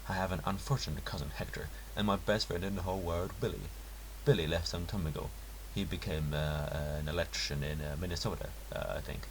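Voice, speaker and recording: Reading a scripted first-person tale, this narrator uses a deep voice and an earnest, dramatic delivery. Hiss and noise from a home setup run beneath the narration.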